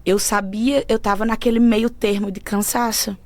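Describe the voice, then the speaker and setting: A woman, a podcast guest who shares a personal faith story in an earnest, emotional way that often goes soft. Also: medium pitch, little pitch movement, normal speed. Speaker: podcast guest, mentor of women. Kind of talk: personal faith testimony in conversation.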